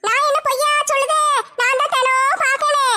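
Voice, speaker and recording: Shrill, bright, flat-toned gossip with one eye, spiteful and meddling, in a comedy skit. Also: female voice, normal speed, heavily acted. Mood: gossipy. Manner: accusing, taunting village gossip.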